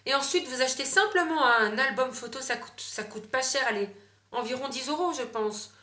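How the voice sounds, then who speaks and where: A woman's voice: sits high, moderate pace, bright, forceful tone, reverberant. A young woman from Belgium, chatting casually about gift ideas, with many fillers and self-corrections. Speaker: beauty vlogger.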